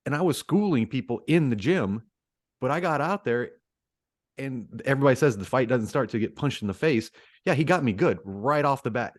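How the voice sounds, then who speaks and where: A man co-hosting a podcast, telling a story in a relaxed, casual way with restarts and fillers. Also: mid-range voice, dry recording, studio quality. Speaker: podcast co-host. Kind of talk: casual chat.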